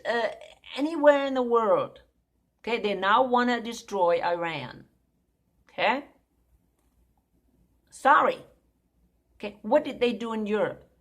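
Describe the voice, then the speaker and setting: A woman giving an informal Bible prophecy lesson, talking conversationally, repeating her points and checking in with "okay?". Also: medium pitch. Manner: conversational, keeps asking "okay?".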